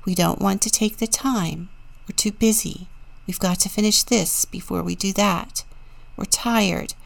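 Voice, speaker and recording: A woman deacon giving a children's sermon and reading a storybook in a gentle, deliberate way. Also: mid-range voice, gravelly.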